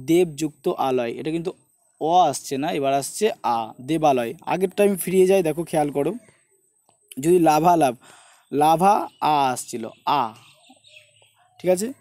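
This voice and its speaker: A man tutoring students for an exam, talking them through the material and slowing down to spell out how each word splits, with a West Bengal Bengali accent. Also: a little high, warm tone, no echo. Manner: repetitive coaching, keeps saying look and notice. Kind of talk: online lesson with screen walkthrough.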